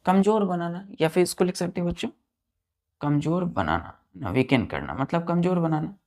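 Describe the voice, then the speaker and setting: During a vocabulary lesson, this gravelly man speaks at a fairly high pitch with an expressive, darkish tone. He talks to the students as he goes, counting aloud, spelling each word letter by letter, and stretching out key words as he repeats them slowly.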